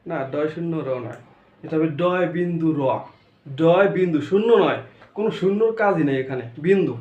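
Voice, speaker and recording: A male teacher gives a pronunciation lesson. He keeps quizzing the class, answers his own questions and repeats each sound slowly. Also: fairly high pitch, expressive, darkish tone. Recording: echoey room, dull lo-fi sound.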